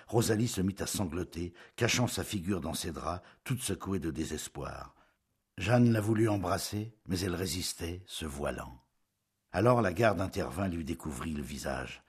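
A man narrating a classic novel as an audiobook in a measured, expressive storytelling manner. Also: sits low, husky.

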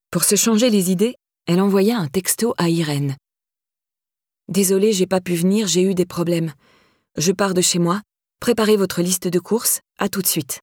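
A woman narrates an audiobook in a calm, steady storytelling voice. Her tone sits a little low, and the close studio sound is very dry. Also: no echo.

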